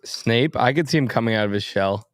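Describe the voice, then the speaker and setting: A young man chatting as a guest, jokey and deadpan, always ready with a gag. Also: mid-range voice, no room sound, studio quality. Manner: jokey, deadpan, quick with impressions. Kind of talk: casual chat.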